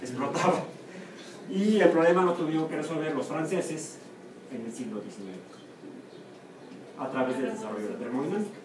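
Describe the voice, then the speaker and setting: A man's voice: on the high side, expressive, moderate pace, long pauses, crowd noise. A man with a Mexican Spanish accent, a university professor giving a classroom lecture, who puts questions to the class and answers them himself. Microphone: room or camera mic from a distance. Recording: echoey classroom, far from the mic, noisy.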